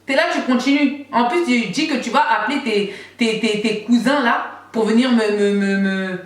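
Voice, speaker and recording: A woman's voice: fairly high pitch, moderate pace. A woman in her thirties telling a personal story in a casual storytime monologue, chatty and full of fillers, acting out what others said. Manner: chatty retelling, acts out quoted dialogue, many fillers. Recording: very echoey room, voice far from the mic.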